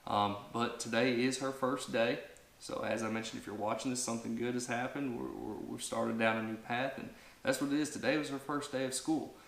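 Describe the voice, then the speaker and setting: A man in his thirties talks straight to camera for his family vlog. His pitch stays flat, and he rambles with fillers and false starts. The room around him is echoey. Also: a little fast, vocal fry, a little hiss or hum. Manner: rambling, many fillers and restarts. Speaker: vlog host. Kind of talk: casual talk to camera.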